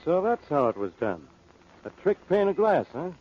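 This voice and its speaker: A muffled forties radio recording of a gruff American police inspector. The voice is fairly high for a man, barking and impatient, always exasperated and a little gullible. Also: very animated, normal speed. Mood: brusque. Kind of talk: 1940s radio detective acting.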